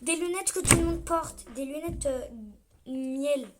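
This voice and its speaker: A woman's voice: sits high, unhurried, heavy background noise. A young woman chatting over her gameplay as a vlogger, complaining dramatically and often dropping into a mutter. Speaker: gaming vlogger. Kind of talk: casual gameplay commentary.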